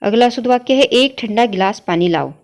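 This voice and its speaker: A woman teaching a Hindi grammar lesson, talking to her students as children and repeating each sentence slowly before she corrects it. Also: on the high side, expressive, darkish tone.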